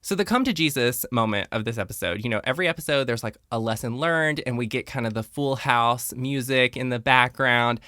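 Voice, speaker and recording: Man, young adult, podcast host, chatty animated recap, bright tone, dry close sound. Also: medium pitch, fairly quick, hardly any pauses, dry recording. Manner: chatty, animated retelling with playful quoted lines.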